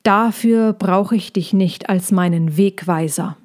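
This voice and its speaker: A woman voicing a young male dragon in a storybook reading, speaking in a proud, firm, unhurried way. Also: medium pitch, darkish tone, lightly acted. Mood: stubborn.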